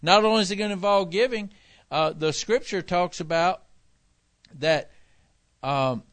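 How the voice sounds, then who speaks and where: A man's voice: high voice, unhurried, a bit bright, no room sound. A man preaching a sermon, telling a personal testimony in a folksy way and acting out the dialogue. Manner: folksy storyteller, acts out dialogue. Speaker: pastor.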